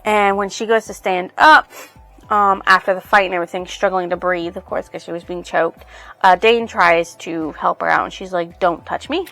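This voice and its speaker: A woman's voice: fairly low pitch, steady tone, normal speed, bright, forceful tone, faint music behind. A woman reviewing a novel in casual chat, rambling with many fillers and swearing freely. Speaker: book reviewer.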